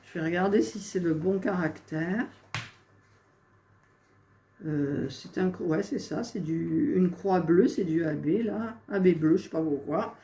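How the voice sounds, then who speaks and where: A woman narrates her own craft work in a slow, unhurried way, muttering as she searches for missing pieces. Her voice rings in an echoey room with a faint hiss behind it. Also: on the low side, dark tone. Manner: talks to herself while searching, exasperated asides. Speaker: crafting vlogger. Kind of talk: casual crafting chatter.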